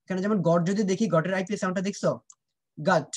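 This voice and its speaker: Quick-talking man teaching a kids' class. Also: sits high, steady tone, a little mellow. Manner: drills sounds, checks often if students understand; mixes Bengali and English. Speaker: English teacher. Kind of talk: online class for children.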